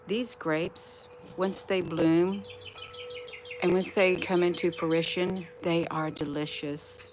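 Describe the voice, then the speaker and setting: Out on a porch, a woman hosts a casual live stream, talking to viewers folksily and repeating phrases for emphasis while wind chimes and birdsong sound behind her. Her voice is fairly low in pitch, steady in tone, and slow.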